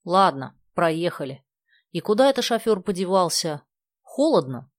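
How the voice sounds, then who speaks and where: A woman's voice: lowish voice, big pitch swings, moderate pace, dry recording, studio quality. A woman reading aloud the lines of a sensible, well-mannered teenage girl with a slightly prim manner.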